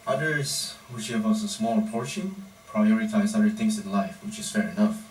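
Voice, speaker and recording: A man, a powerlifting coach giving a measured, deliberate personal monologue in short phrases. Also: lowish voice. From Indonesia. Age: 20s. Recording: roomy echo, distant mic, faint background noise.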